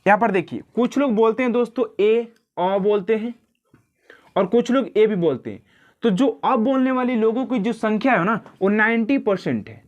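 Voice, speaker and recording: Repetitive grammar teacher. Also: male voice, high voice, highs cut off. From India. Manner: repetitive, drills words slowly, addresses viewers as friends. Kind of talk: classroom-style lesson.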